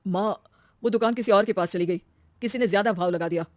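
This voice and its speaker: A quick-tempered young husband from a cartoon story, played by a woman, loud and ready to argue. The voice sits in a middle pitch and sounds dry, set a little back from the mic. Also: no room sound, lightly acted. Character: young husband, hot-tempered shop seeker.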